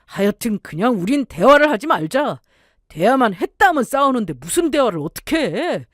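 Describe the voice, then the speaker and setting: A woman's voice: fairly high pitch, sing-song, moderate pace, dry recording, clean studio sound, voice pushed up. A woman voicing an irritable, dismissive husband in a scripted narrated story, speaking in a curt, snappish way. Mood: irritated.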